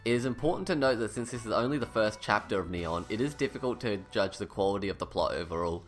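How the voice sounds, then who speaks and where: A man delivers a scripted video review in a lowish voice. His lisp makes each s slushy, close to sh. He is blunt and sarcastic with casual swearing, over background music. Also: expressive, quick pace. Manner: blunt, sarcastic, sweary, self-deprecating at times.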